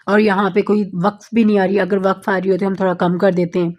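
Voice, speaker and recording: A woman teaching an online Quran recitation lesson. She explains patiently, keeps checking in with her listeners and slows down to recite the Arabic examples. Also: medium pitch, level tone, darkish tone, highs cut off. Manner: patient, repeats points with frequent checking fillers.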